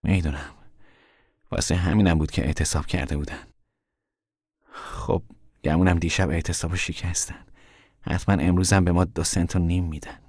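A man's voice: long pauses, no room sound, clean studio sound. An actor playing a weary young man on the run who talks in a tired, grim way. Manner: tired, grim, low-voiced.

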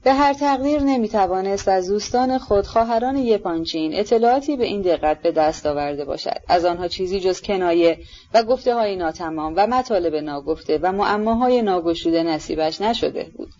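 Woman reading a novel aloud, steady and calm, muffled lo-fi sound. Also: mid-range voice. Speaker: audiobook narrator. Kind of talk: literary audiobook reading.

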